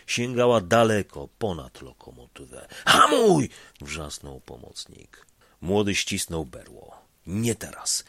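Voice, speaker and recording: A man reading a dramatic story aloud, swinging between loud passages and hushed ones. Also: deep voice, breathy edge, no echo. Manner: expressive, shifts between loud and hushed delivery. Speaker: narrator.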